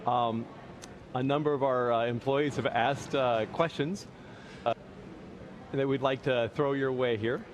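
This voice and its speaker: A man's voice: mid-range voice, a little slow, pauses often. A man giving live remarks and putting questions as a company representative at an event. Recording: noisy live link with ambient hum.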